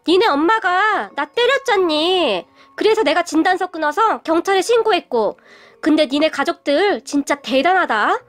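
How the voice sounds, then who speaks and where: Woman playing a scornful rich mother in a storybook reading, high-pitched, drawn-out sneering delivery, faint music behind. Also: fairly bright tone. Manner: sneering, shrill scolding. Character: haughty rich middle-aged mother, scornful.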